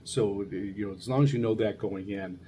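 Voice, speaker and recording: A low-voiced man, a radio hobbyist and show host, gives a casual, unscripted product review. His delivery is halting, rambling and hesitant, with clear, steady background noise behind him.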